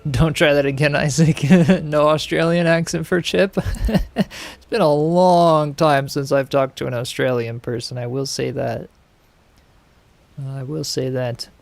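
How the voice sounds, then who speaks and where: Speaking unhurriedly in a steady, somewhat high voice with vocal fry, this man streams a game live and reacts to builds. His casual commentary is cheerful, full of laughter and filler words.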